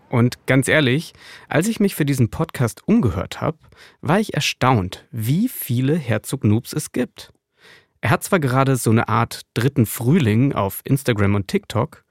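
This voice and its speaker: A man's voice: mid-range voice, no echo, studio quality. A man hosting a podcast, delivering scripted narration with casual asides and informal slang peppered with English loanwords. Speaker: podcast host, journalist.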